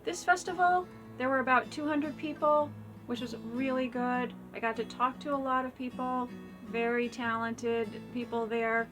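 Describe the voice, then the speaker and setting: Woman vlogging from her attic, kinda high voice, casual chat, bit of music. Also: fairly even intonation, moderate pace. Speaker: vlogger and fiddle player. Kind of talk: casual video diary talk to viewers. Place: attic room at home.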